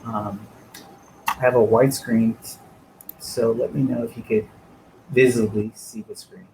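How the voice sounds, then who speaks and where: A man walks through slides on a video call in a relaxed, conversational way, often pausing on fillers. His voice sits in an ordinary middle range. A faint background noise runs under the call. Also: mid-range voice, vocal fry, low-quality recording. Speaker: guest presenter. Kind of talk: online meetup presentation. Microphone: home computer microphone on a video call.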